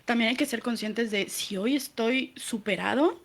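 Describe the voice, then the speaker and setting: A woman's voice: on the high side, normal speed, a bit bright. A woman speaking earnestly on a radio health panel, working through her points with emphasis.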